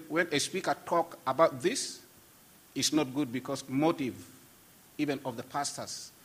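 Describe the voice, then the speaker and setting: A man's voice: mid-range voice, a bit bright, breathy edge. A man from Sudan, a pastor giving an earnest, emphatic testimony with frequent restarts. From South Sudan. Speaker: pastor and guest. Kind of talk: testimony in conversation.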